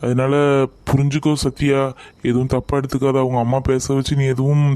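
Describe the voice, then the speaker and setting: A man's voice: medium pitch, flat delivery, fairly quick, warm tone, no echo, close to an everyday voice. A man playing an anxious older brother in an amateur family skit, reassuring and pleading with his upset sister. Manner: pleading, reassuring, worried muttering asides.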